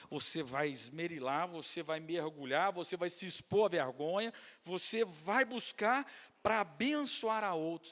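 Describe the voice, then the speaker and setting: A man preaches a sermon, telling a story with swings from hushed asides to shouts. His voice sits high and leaps around a lot. A long reverb from a large hall trails every phrase. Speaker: pastor.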